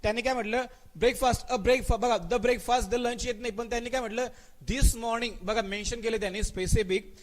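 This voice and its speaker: Man, Marathi accent, high-pitched, online exam-prep teacher, quizzes students by name, repetitive drilling. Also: fairly even intonation, brisk, a little hiss or hum. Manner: calls students by name, repeats questions and drills answers; mixes English words into his speech, stretches out spoken example sentences. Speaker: English grammar teacher.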